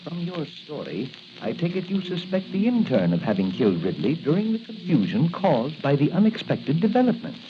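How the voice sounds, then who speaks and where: Animated, inquisitive apothecary doctor. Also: male voice, fairly high pitch, moderate pace. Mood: probing. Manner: questioning, stammering concern. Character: kindly, inquisitive male doctor, apothecary friend and advisor. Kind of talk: 1940s radio drama acting. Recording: dull, hissy 1940s radio recording.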